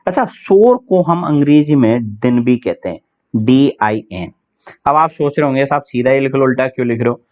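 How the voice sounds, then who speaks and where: Guy teaching english vocab, chatty, spells stuff out letter by letter, sounds tinny like a phone. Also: mid-range voice. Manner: chatty, asks students questions, spells words letter by letter. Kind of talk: online exam-prep vocabulary lesson.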